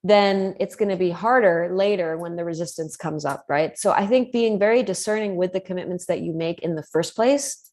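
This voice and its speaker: A woman's voice: lowish voice, moderate pace, few pauses, darkish tone. A woman speaking earnestly on a live video call, thinking aloud about commitment as a coach, with frequent restarts and fillers. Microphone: video call mic.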